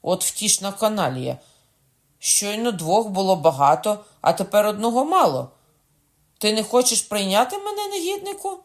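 Quick-tempered young nobleman, as a reader puts him on, loud, raised voice, indignant. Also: medium pitch, animated, close to an everyday voice. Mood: indignant shouting. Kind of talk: audiobook character voice.

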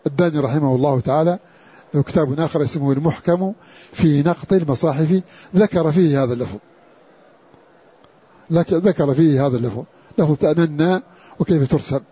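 A man lecturing as a religious teacher, his voice husky and slightly raised in pitch. He repeats key phrases and chants brief recitation samples. It comes through a dull, lo-fi recording. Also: brisk, long pauses, mellow. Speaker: Quran scholar teaching a class. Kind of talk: classroom lecture on Quran orthography.

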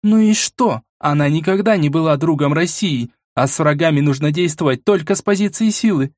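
A man's voice: a little high, brisk, a little mellow, no room sound, clean studio sound, voice pushed up, close to an everyday voice. A man voicing a hot-tempered, uncompromising noblewoman who rants with scorn. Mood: indignant. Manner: ranting, scornful.

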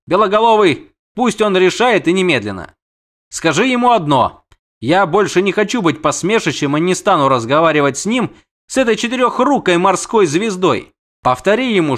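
A man's voice: high-pitched, fairly bright tone, voice pushed up. A man voicing a haughty, hot-tempered female siren in an audiobook, with a singsong, indignant delivery. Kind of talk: audiobook character voice.

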